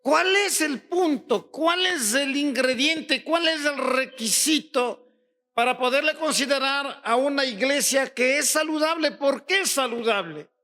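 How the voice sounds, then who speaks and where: A pastor from Ecuador preaching a sermon, firing rhetorical questions at the congregation and rising to shouts on key points. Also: male voice, very high voice, a little slow.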